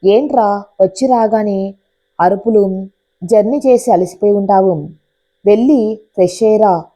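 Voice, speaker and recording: A woman's voice: mid-range voice, unhurried, warm tone, natural voice. A woman voicing a stern but teasing middle-aged father in a storybook reading. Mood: scolding. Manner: scolding, gruff questions.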